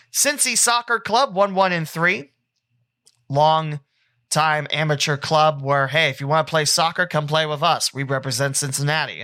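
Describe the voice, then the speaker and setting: A man hosting a solo sports podcast, reading through teams and scores in a casual, rambling way with quick self-corrections. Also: fairly high pitch, pushed and bright. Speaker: podcast host.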